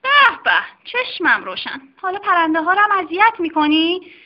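A woman's voice: very high-pitched, big pitch swings, pitched above the performer's own voice. A woman voicing a stern female doctor who scolds a misbehaving dog in a children's story. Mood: scolding. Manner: scolding, firm. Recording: dull lo-fi recording.

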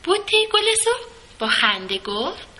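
A woman narrating a children's story in a slow, soft storybook manner. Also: very high voice, very animated, poor audio.

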